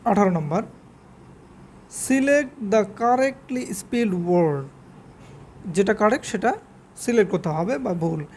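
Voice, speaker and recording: A woman teaching English spelling in a quiz lesson, repeating each word slowly and spelling it out letter by letter. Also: medium pitch, lively intonation, darkish tone, a little hiss or hum.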